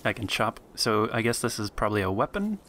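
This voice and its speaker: A young man chatting casually while playing an online game, laughing often and filling pauses with um and uh. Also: on the low side, big pitch swings, sharp tone, a little hiss or hum. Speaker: gameplay video host. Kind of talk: casual gaming commentary.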